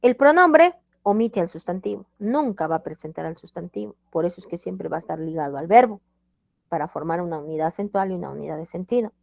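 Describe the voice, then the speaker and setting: A woman's voice: fairly low pitch, expressive, quick pace, vocal fry, a little mellow, dry recording, clean studio sound. A woman teacher giving a grammar lesson, emphatic and repeating examples with checks like "ready?". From Peru.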